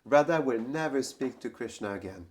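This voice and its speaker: A man's voice: mid-range voice, expressive, normal speed, close to an everyday voice. A man telling a story and voicing a bold, insistent young female confidante. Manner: firm, insistent. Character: Vishakha, bold female confidante, sure and scolding.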